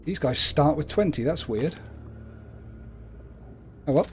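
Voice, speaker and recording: A man's voice: on the high side, animated, slow, a little hiss or hum. A man hosting a livestream, casually explaining the video game he plays. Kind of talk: casual explanatory gameplay commentary. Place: indoors at a computer, webcam.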